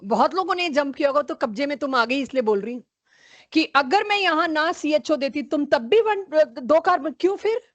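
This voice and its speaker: A woman's voice: sits high, expressive, brisk, no echo, muffled recording. A woman chemistry teacher giving a live online class, calling on students by name and correcting them firmly.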